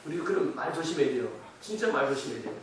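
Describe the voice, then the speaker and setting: A man preaching a revival sermon, impassioned, moving between soft pleading and loud emphatic shouting. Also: fairly high pitch, very animated, fast, slight background noise. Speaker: pastor. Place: church sanctuary. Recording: echoey church room from a distance.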